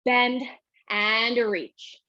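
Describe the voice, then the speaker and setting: A woman's voice: on the high side, extremely slow, sharp tone. A young woman teaching a Pilates workout, counting reps and cueing moves while she exercises, short of breath. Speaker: Pilates instructor. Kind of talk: guided workout instruction. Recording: dull lo-fi audio.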